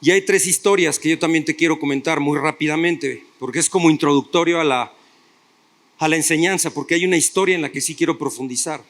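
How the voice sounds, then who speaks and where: A man's voice: a little high, brisk, a bit bright. A male pastor preaching a sermon, retelling stories and putting rhetorical questions to his listeners.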